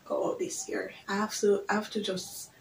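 A woman's voice: mid-range voice, level tone, normal speed, creaky, a little hiss or hum, low-quality recording. A woman, chatting candidly to camera in a small bedroom, rambling from one update to the next. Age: 20s. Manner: chatty, candid and rambling, with creole-flavored grammar. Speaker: vlogger. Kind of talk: casual chat to camera. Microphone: device camera on a desk.

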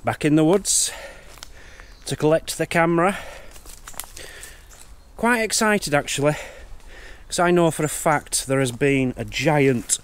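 A middle-aged man narrating a wildlife camera vlog outdoors in a wood, in a chatty, easily excited way. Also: on the high side, a little slow, pauses often, clear, resonant tone. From United Kingdom. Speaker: wildlife vlogger. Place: woodland outdoors.

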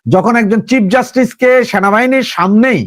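A man's voice: high-pitched, fairly quick, no room sound. A man with a Bangladeshi Bengali accent giving casual political commentary, talking straight to the listener and asking rhetorical questions. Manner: conversational, addresses listener directly with rhetorical questions.

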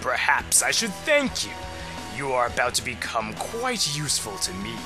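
A man voicing a gloating evil warlock lord from a video game with slow theatrical menace. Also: mid-range voice, wildly swooping pitch, over music. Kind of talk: reading game dialogue aloud in character.

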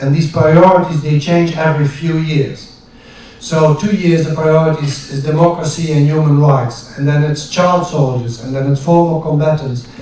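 A man's voice: a little high, a little mellow, slight background noise. An older man giving a lecture with a handheld microphone, reflective and explanatory. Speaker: presenter. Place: conference hall. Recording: very echoey hall from far off.

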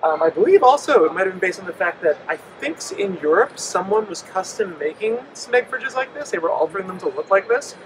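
His voice is high and expressive, and he talks briskly with few pauses. He is a company representative in his forties explaining products, peppered with ums, for a trade show interview recorded on the interviewer's handheld mic in a noisy, busy convention hall.

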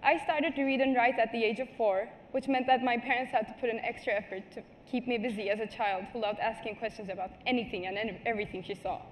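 A woman's voice: fairly high pitch, steady tone, fast talker, few pauses, a little hiss or hum. A teenage girl from Turkey giving a prepared talk on a large stage, earnest, with small restarts and apologies. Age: teens. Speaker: student speaker. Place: large stage before a seated audience. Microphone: headset mic.

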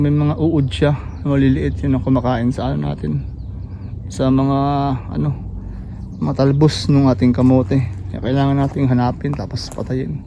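A man giving a casual walk-through tour of his backyard vegetable garden, relaxed and pointing things out with many fillers, a little out of breath. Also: on the high side, vocal fry, slight background noise. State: slightly out of breath after jogging. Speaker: gardening vlogger.

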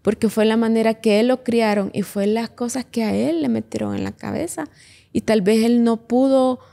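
Podcast guest, a woman, earnest and reflective, gravelly low-toned delivery. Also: normal speed, warm tone. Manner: earnest, reflective, gives advice to listeners. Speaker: podcast guest, businesswoman and mother. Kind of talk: heartfelt personal testimony.

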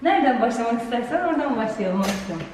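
A woman's voice: on the high side, quick pace. Chatty woman in an echoing empty apartment. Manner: chatty, excited, addressing viewers as friends. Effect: strong echo of an empty apartment. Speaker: vlogger and mother. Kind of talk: casual home-tour vlog talking to viewers. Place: empty new apartment, indoors. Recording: roomy echo from far off, with noise.

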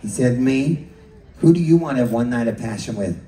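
A Scottish man, a cruise director, hosting a couples' game show for a live audience, teasing contestants, laughing and shouting punchlines. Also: medium pitch, expressive, moderate pace. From Scotland. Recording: echoey hall, distant mic, crowd noise.

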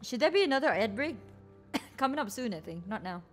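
A woman livestreaming a game with casual, expressive commentary and some swearing. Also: a little high, fairly quick, faint music behind.

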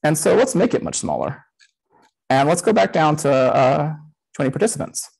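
A man's voice: a little high, wildly swooping pitch, moderate pace, vocal fry, a little mellow, breathy edge, poor audio. A man in his thirties giving a casual conference talk over a video call while live coding, talking through a headset with frequent "um" fillers. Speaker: conference speaker.

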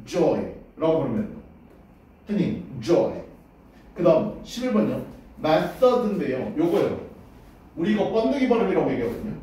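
A man's voice: high voice, sing-song, normal speed, mellow, slight background noise. A man teaching English pronunciation in a classroom lesson. He casually drills words aloud and keeps checking that his students follow. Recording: roomy echo, voice far from the mic.

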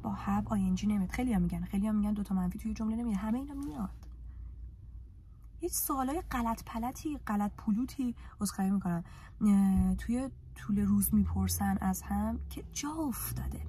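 A woman with a Persian accent teaching English in a casual live lesson, lively and teasing as she coaxes her students. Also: mid-range voice, a little hiss or hum.

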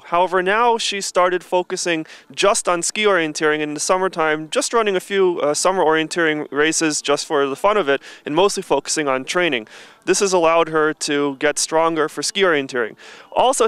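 A man's voice: a little high, a bit bright, smooth, no room sound. A man interpreting a Russian interview as voice-over, summarising with fillers.

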